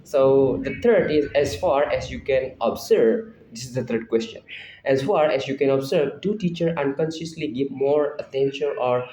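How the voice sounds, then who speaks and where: A man's voice: medium pitch, moderate pace, dark tone, slight background noise. A young man with an Indonesian accent casually answering assignment questions, reflective and often restarting his sentences. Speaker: student. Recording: roomy, slightly dull recording.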